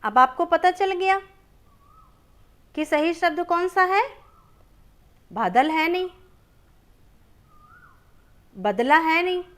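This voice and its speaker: A woman teaching young children, reading words aloud slowly and drawn out, asking questions and then answering them herself. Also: very high voice, lively intonation, a bit bright. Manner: slow and drawn-out, stretches each word.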